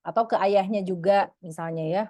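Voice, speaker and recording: A woman giving a webinar talk on parenting, lively and acting out parents and children in high voices. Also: moderate pace, no room sound. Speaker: psychologist speaker.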